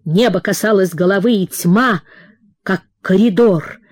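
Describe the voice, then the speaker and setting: A woman narrating a novel as an audiobook in a measured, dramatic reading. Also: medium pitch, darkish tone, no room sound, studio quality. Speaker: audiobook reader. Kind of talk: literary narration.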